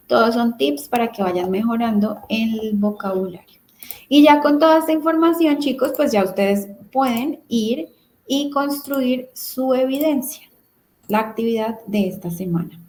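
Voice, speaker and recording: A woman in her thirties with a slightly high voice teaches an online English class. She explains each word patiently and alternates with English terms. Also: darkish tone, a little hiss or hum. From Colombia. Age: 30s. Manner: patient, explanatory, switching between Spanish and English words.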